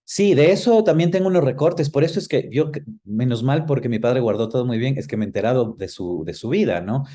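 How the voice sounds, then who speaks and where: An Ecuadorian-accented interview guest around forty speaks quickly in a warm, expressive mid-range voice, with hardly any pauses. His answers are reflective and explanatory, and he often searches for words.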